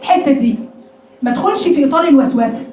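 A woman with an Egyptian accent giving a religious lesson to women, lively, acting out little voices and prayers and asking rhetorical questions. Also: sits high, fast talker, reverberant, a little hiss or hum, poor audio. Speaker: Quran teacher.

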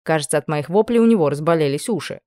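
A woman narrates first-person fiction in a fairly low voice. She reads with lively irony, and the recording is dry and close. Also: fast, no echo. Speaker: audiobook narrator.

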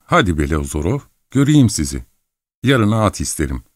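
A man's voice: low-pitched, sing-song, normal speed, dry recording, studio quality. A man voicing a playful, mocking young princess in an audiobook reading. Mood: coquettish. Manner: mocking, coquettish.

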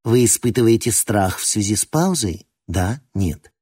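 A man's voice: lowish voice, moderate pace, husky. A man doing a woman's cold metallic machine voice. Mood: cold, mechanical. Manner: flat, clipped, mechanical questioning. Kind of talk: audiobook narration.

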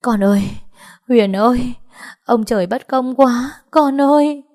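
A woman's voice: unhurried, natural voice. A woman voicing a grieving middle-aged rural mother who is choked with tears and wails her words. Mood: wailing grief. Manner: wailing, high and loud.

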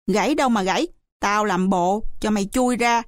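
A woman's voice: medium pitch, dry recording, clean studio sound, natural voice. Woman doing a bossy teasing little boy. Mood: brash. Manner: brash and quick, scolding.

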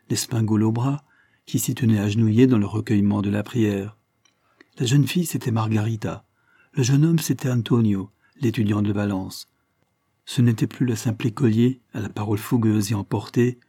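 A man reading a historical novel aloud as narrator, measured and literary. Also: mid-range voice, mellow, slightly rough, dry recording, clean studio sound.

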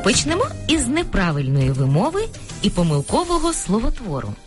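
A woman co-hosting a scripted radio program on language, explaining pronunciation clearly. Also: medium pitch, a little fast, soft background music. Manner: clear, explanatory, lively intonation.

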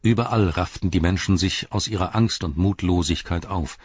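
A man's voice: low voice, normal speed, husky, no room sound. A man narrating an audiobook in a solemn, rhythmic epic reading, in a dull, dry recording.

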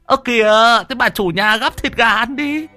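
Casting: man putting on a high squeaky lecherous lame man, loud and excitable. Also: normal speed. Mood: drunk jovial. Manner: stammering, squeaky, pleading.

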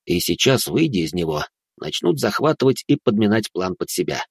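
Low-voiced man narrating a dark fantasy audiobook. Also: sing-song, moderate pace, slightly rough, no room sound, clean studio sound.

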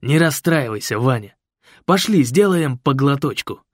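A man doing a loud, brash biker designer. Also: medium pitch, lively intonation, measured pace, no echo, studio quality. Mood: boisterous. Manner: slangy, bossy and boisterous. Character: brash loud male biker designer Fred, pushy, jovial. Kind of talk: audiobook character voice.

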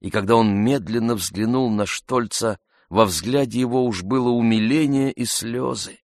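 A man reading a classic novel aloud as narrator, expressive and measured. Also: mid-range voice, no echo, clean studio sound.

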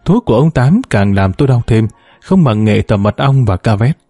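A man calmly reading a first-person story aloud, voicing every character in his own even tone. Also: medium pitch, normal speed, dry recording, soft background music. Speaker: audiobook narrator.

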